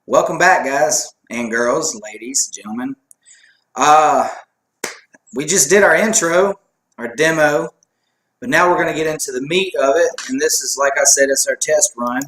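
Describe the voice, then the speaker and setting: This sports chat show co-host has a fairly high, somewhat bright voice and speaks at a moderate pace. Casual and rambling, he keeps cracking self-deprecating jokes, with the room adding echo.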